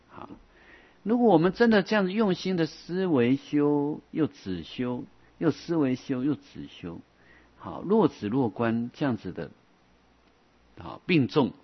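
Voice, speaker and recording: Male dharma teacher, lecture style, husky and animated, dull lo-fi recording. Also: medium pitch. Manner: repeats phrases often, starts lines with a soft "hao"; slows down when reading scripture aloud. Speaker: Buddhist teacher.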